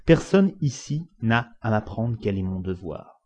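A man's voice: on the low side, animated, unhurried, mellow. A man reading the part of a stern, dutiful army captain. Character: stern male army captain commanding a fort. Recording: dull lo-fi recording.

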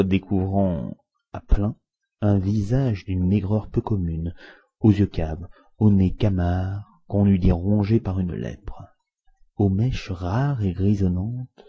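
A man narrating a story aloud in a measured, expressive reading. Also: deep voice, husky. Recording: muffled lo-fi recording.

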